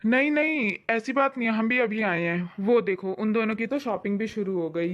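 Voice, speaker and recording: A woman's voice: on the high side, normal speed, muffled recording, voice pushed down, lightly acted. A young woman voicing a blunt, mocking middle-aged father in a Hindi fan dub. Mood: gruff.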